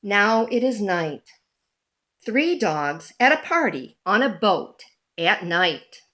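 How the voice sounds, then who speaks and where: In a medium-pitched voice, a woman narrates a children's picture book out loud, taking her time and bringing the story to life with animation.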